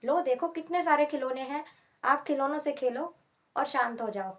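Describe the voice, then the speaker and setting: A woman voicing an emperor who gently coaxes a crying child in a fatherly tone. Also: high voice, moderate pace. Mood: coaxing. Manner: coaxing, fatherly tone. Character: patient then angry old emperor.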